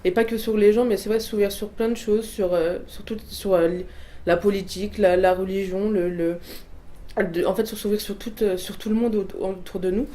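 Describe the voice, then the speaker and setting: This woman, in her twenties and from a Portuguese family background, answers prompts with a personal testimony. She has a medium-pitched, mellow voice with a steady tone at normal speed, yet hesitates, using many fillers and starting over.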